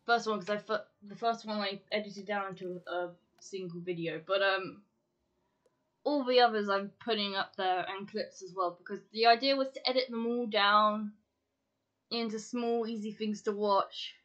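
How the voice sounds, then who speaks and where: A woman's voice: medium pitch, steady tone, moderate pace, a bit bright. Muffled woman live-streamer, scattered and chatty. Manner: scattered, talking to herself, swearing casually. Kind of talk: casual game live-stream chat.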